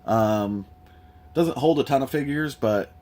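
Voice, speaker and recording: A man's voice: mid-range voice, a little slow. A man casually showing off his toy collection in a home vlog, rambling with lots of ums and uhs. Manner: relaxed, rambling with many fillers. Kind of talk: casual show-and-tell vlog.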